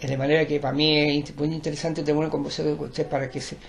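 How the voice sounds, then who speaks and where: A man's voice: fairly high pitch, little pitch movement, racing, vocal fry, slight background noise. An older man with a Chilean accent, a teacher and performer, talking in a digressive, lecturing way with many restarts. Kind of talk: rambling conversational interview.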